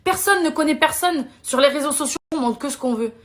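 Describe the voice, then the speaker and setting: Casting note: young woman, high voice, heated indignant rant to followers, keeps hammering the same points. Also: a little fast. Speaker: social media personality.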